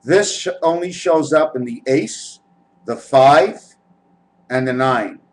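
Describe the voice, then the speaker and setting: A man's voice: medium pitch, slow, poor audio. A man giving a rambling spiritual monologue to the camera, spinning wordplay out of letters and numbers and talking to viewers as his friends. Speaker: vlogger. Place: at home, on camera.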